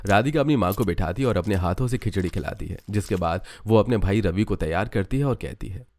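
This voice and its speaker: A man narrating a cartoon story in a steady, even storytelling manner. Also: fairly low pitch, brisk.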